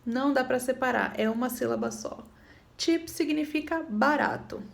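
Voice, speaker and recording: A woman's voice: high voice, normal speed, creaky. A woman teaching an English grammar lesson, patiently explaining rules and checking in with her students. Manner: patient, repeats points, checks in with "tá bom?".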